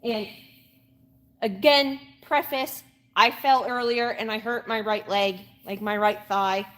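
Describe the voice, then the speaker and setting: Her voice sits a little high and steady, with a slow, fairly bright delivery. She's a woman in her late twenties doing a live workout stream in an indoor gym, chatting loosely and repeating herself amid noisy surroundings and a wandering mic distance.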